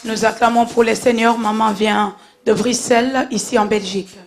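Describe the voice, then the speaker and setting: Church interpreter, steady formal voice. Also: mid-range voice, moderate pace, slight background noise. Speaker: interpreter for the pastor. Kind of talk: live sermon interpretation. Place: church hall.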